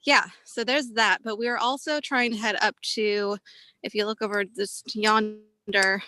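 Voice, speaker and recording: A woman's voice: medium pitch, steady tone, unhurried, pushed and bright, dry recording. A woman giving a casual field report outdoors while walking, a little out of breath and chatty. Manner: chatty, informal. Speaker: birder on a field walk.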